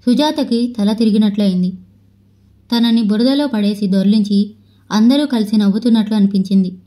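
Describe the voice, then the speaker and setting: Mellow-voiced woman narrating a novel. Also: medium pitch, rough recording. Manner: steady storytelling, reads all dialogue in her own voice. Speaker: audiobook narrator.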